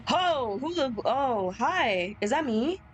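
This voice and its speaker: A woman's voice: medium pitch, slow, slight background noise. A woman streaming a game with playful, casual commentary, reacting aloud and reading text as she goes.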